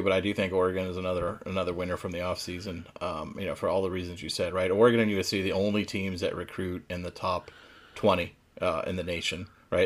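A man hosting a casual sports discussion in a loose, conversational way, often softening his points as he goes. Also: deep voice. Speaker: sports podcast host.

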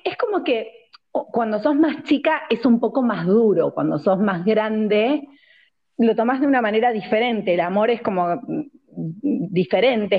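A woman's voice: mid-range voice, lo-fi sound. A woman in her thirties with an Argentine Spanish accent, a podcast guest animatedly telling a personal story in casual chat. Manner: animated anecdote-telling, voices her own past lines.

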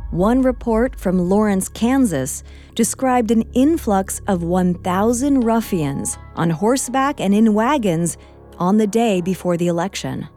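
Mellow woman narrating history. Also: medium pitch, measured pace. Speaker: podcast co-host. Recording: faint music bed.

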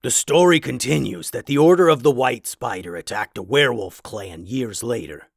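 A towering male werewolf who keeps books, measured and lecturing, speaking a bit louder than the narration. A man plays him. Dry, close reading. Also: mid-range voice, creaky, no echo.

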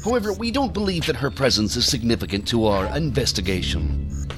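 Over music, an actor voices a pompous, easily irritated male federal agent delivering a formal, measured briefing to colleagues in an audio drama. The medium-pitched, natural voice swings widely in pitch and drips with irritated condescension.

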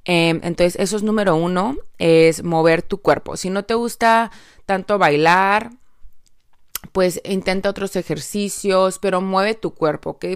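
A woman's voice: mid-range voice, unhurried, clean tone, dry recording. Woman, Mexican accent, casual podcast talk, chatty, upbeat, dry close sound. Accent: Mexican Spanish. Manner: chatty and upbeat, addressing listeners directly; frequent filler tags like "¿no?" and "entonces". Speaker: podcast host.

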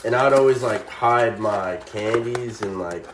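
A man's voice: fairly low pitch, a little slow, slight background noise. Rambling young man in his kitchen. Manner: rambling, slangy, laid-back. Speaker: vlogger. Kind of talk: casual storytelling. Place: home kitchen, cooking. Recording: roomy kitchen with faint frying sizzle.

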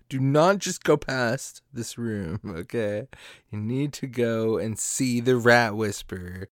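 A man's voice: mid-range voice, no room sound, clean studio sound. A man co-hosting a gaming podcast, chatting casually and upbeat, often laughing as he talks. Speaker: podcast co-host.

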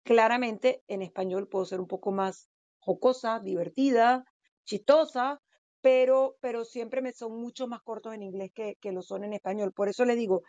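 A woman's voice: fairly high pitch, steady tone, normal speed, darkish tone, no room sound, muffled recording. A woman giving real estate seminar advice, speaking emphatically and questioning her audience directly. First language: Spanish. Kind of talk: instructive panel talk.

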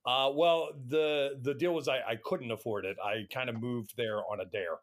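A middle-aged man from the United States as a podcast guest. His voice is medium in pitch. He talks casually and tells anecdotes with dry self-deprecation. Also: normal speed. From United States, Atlanta area. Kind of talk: casual anecdotal interview chat.

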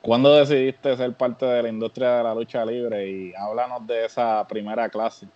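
Calm co-host, dull lo-fi sound. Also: male voice, medium pitch, moderate pace, dry recording. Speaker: podcast co-host. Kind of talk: casual interview.

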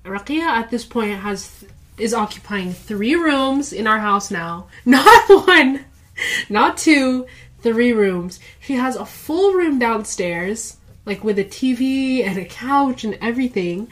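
A woman's voice: on the high side, lively intonation, measured pace. A young woman hosting a podcast in casual chat, a teasing storyteller who laughs often. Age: young adult. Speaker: podcast host.

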